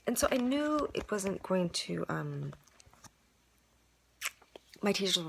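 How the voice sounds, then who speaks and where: A woman's voice: mid-range voice, sing-song, slow, gravelly, a little hiss or hum. A woman musing aloud in a casual, rambling monologue, reflecting on a storytelling performance and full of "like" and "you know".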